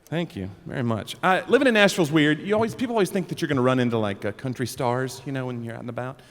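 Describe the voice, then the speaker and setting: A young man performing a stand-up comedy set, animated and breaking into loud character bits. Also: medium pitch, very fast. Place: comedy club stage. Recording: live room with long reverb, faint crowd noise.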